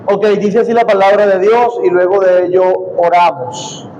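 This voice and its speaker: A man speaking as a pastor to a church class in Spanish, with solemn, measured, deliberate phrasing. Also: steady tone, mellow. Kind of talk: church class with Bible reading and prayer. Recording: dull, muffled audio with faint rumbling noise.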